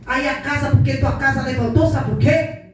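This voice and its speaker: A woman's voice: high-pitched, fairly even intonation, normal speed. A woman pastor preaching an emphatic, fervent sermon with testimony in a church. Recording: echoey church hall from far off, noisy.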